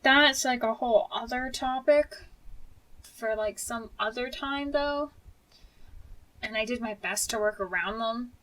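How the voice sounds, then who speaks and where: A woman's voice: on the high side, unhurried, a bit bright, far from the mic. A woman telling a personal story as a video creator in a casual vlog style, candid and informal with a mildly wry touch.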